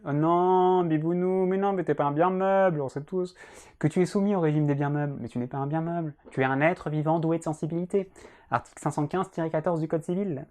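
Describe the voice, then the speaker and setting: A man's voice: fairly high pitch, a little mellow. Young male law teacher, casual reaction commentary, chatty, joking at his own expense. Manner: chatty, self-mocking, frequent "euh" and "hein".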